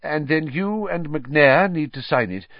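Guy doing a fussy nervous bureaucrat, higher voice, dry muffled audiobook. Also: lively intonation, no echo. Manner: fussy, officious, hurried. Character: fussy nervous middle-aged male official.

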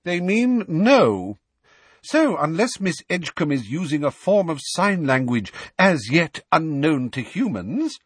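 A man's voice: sits high, animated, moderate pace, no echo, pitched above the performer's own voice. A man voicing a stern older woman teacher who speaks harshly and coldly. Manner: crisp and harsh.

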